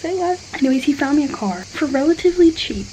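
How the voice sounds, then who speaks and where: A young woman in her twenties telling a travel story to camera, animated and laughing, acting out the people she quotes. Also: high-pitched, quick pace, background noise. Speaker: travel vlogger.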